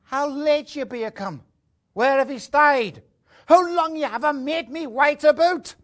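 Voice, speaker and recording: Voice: sits high, a little slow. A performer playing a jealous young man, reciting a dialect verse dialogue with a blustering, reproachful manner. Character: young male country lover, jealous and hot-tempered.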